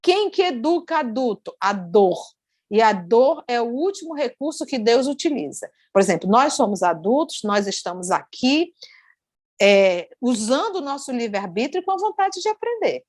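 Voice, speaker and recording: A woman with a Brazilian accent giving an online study talk, telling stories in an animated way and repeating words for emphasis. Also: a little high, moderate pace, no echo. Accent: Brazilian Portuguese. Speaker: invited speaker. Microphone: video call.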